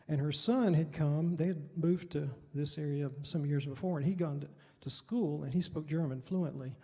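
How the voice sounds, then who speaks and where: Speaking in a long, reverberant hall, a middle-aged American man who pastors tells personal anecdotes informally and haltingly, often pausing to clear his throat. His husky, gravelly voice has a fairly high pitch and a dark tone.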